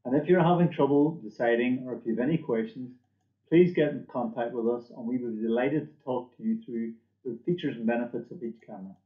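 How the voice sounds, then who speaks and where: A quick-paced, medium-pitched male voice belongs to a middle-aged company presenter delivering a scripted product presentation at his desk indoors. On webcam in an indoor room, the recording has echo and a dull, muffled quality.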